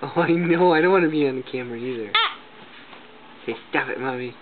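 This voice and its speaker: A man's voice: mid-range voice, quick pace. A father coaxing his infant in gasping, sing-song baby talk, recorded on a home video. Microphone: recording phone held by the mother. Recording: tinny phone-like home video, loud noise.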